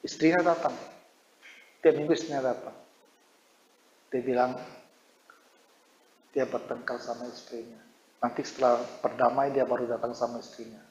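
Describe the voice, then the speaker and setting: A man's voice: steady tone, normal speed, long pauses, a little mellow. A male pastor giving an informal sermon, telling personal stories and acting out conversations. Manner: conversational, storytelling with quoted dialogue. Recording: roomy, dull low-fi sound.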